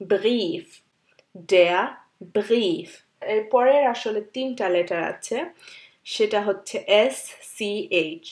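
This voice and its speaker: Woman patiently teaching beginner German. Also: medium pitch. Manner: slow, repeats example words one by one, with fillers. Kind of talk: beginner language lesson.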